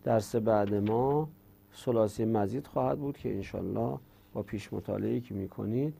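A man teaching an Arabic grammar lesson in Persian, reciting verb conjugations in a steady drone and then explaining the rules step by step. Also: on the low side, creaky, slightly rough. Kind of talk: religious-school grammar lesson.

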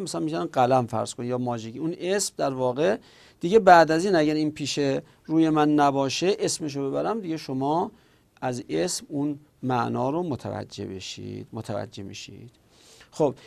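A man teaching a lecture, explaining slowly and deliberately with frequent hesitations. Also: medium pitch, vocal fry, a little mellow. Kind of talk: recorded classroom lecture. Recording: audio from a lecture recording.

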